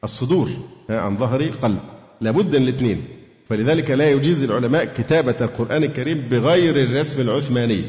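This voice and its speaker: A man with an Egyptian accent teaching a Quran commentary lesson to a class, quizzing students and reciting verses slowly. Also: mid-range voice, darkish tone. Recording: echoey hall, dull lo-fi sound.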